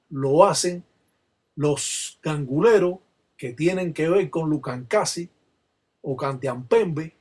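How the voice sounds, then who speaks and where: A man with a Cuban accent giving a slow, measured, solemn explanation as a religious teacher. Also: on the high side, husky. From Cuba. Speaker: Palo Mayombe religious teacher.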